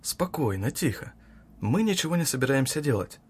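A man voicing a tense security man who barks orders loudly. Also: mid-range voice, very animated, normal speed, slightly rough. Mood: commanding. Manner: loud, commanding.

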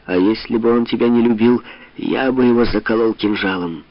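A man voicing a grey-haired, hot-tempered old Corsican father who talks slowly, heavily and sternly, on a dull lo-fi audiobook recording. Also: sits low, no room sound. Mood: furious.

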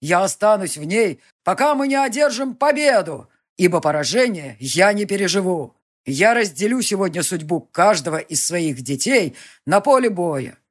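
A fiery male warlord-preacher rallies his followers in a storybook, voiced by a woman reader. He speaks slowly and grandly, with a husky edge and big, swooping rises in pitch. It is pure rally-stage oratory. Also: animated. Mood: solemn. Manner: slow, solemn, declamatory oratory. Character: fiery male leader rousing a crowd.

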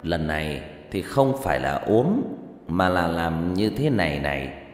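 A man's voice: low-pitched, animated, a little slow. A man voicing a kindly old male spirit medium who scolds with good humor. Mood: gruff teasing. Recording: echoey room with faint music.

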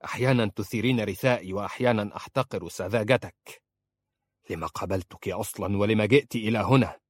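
A man reading an audiobook, voicing a cold, domineering young man who shouts threats. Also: on the low side, fast talker, no echo, natural voice. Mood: harsh anger.

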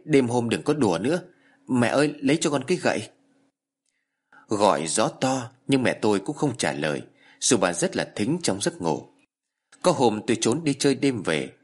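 A man's voice: fairly low pitch, breathy edge. A man narrating a first-person horror story in a dramatic, tense way.

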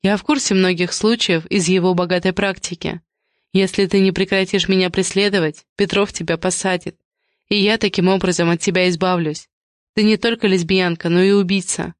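A woman's voice: fairly low pitch, steady tone, a little fast, no echo, clean studio sound, natural voice. A woman reading an audiobook voices a frightened, disgusted pregnant woman who speaks sharply and coldly. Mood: hostile. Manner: sharp, cutting.

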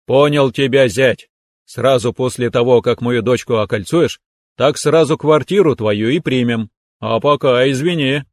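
A man voicing a hearty, blunt older father-in-law who teases in a gruff, booming way, in an audiobook reading. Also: a little slow, lightly acted. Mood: teasing.

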